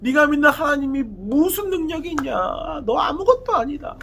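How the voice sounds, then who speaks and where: A man's voice: extremely high pitch, animated, normal speed, a bit bright, slight background noise, full character voice. A man preaching, acting out gloating enemies who mock their captive. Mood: taunting. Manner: taunting, boastful. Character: gloating Philistine crowd mocking their captive.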